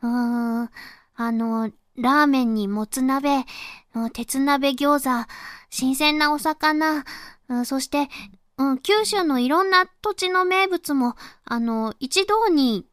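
A woman from Fukuoka with a Hakata accent, a voice performer chatting casually to her listeners in a soft, unhurried way full of small fillers. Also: sits high, no echo, studio quality. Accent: Hakata dialect. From Fukuoka, Japan. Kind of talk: casual afterword talk to listeners.

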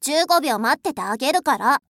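A woman's voice: high-pitched, lively intonation, a little fast, a bit bright, no room sound, studio quality. A woman playing a bratty, haughty rich girl. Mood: scornful. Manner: imperious, scornful, mocking. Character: haughty spoiled rich young lady, bossy and cruel. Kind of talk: adult audio drama role-play.

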